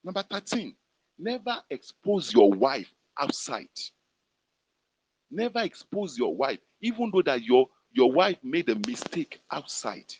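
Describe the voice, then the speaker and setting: A man's voice: on the high side, very animated, measured pace, darkish tone, slightly rough, dry recording, poor audio. A man with a Nigerian Yoruba-influenced accent preaching a sermon as pastor, repeating lines for emphasis and leading the men in call-and-response. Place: prayer room gathering, fed to an online audience.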